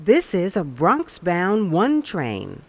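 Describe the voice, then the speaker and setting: A recorded subway announcer heard over a train loudspeaker, speaking in measured, evenly spaced phrases. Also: mid-range voice, wildly swooping pitch, lo-fi sound. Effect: played over a train loudspeaker.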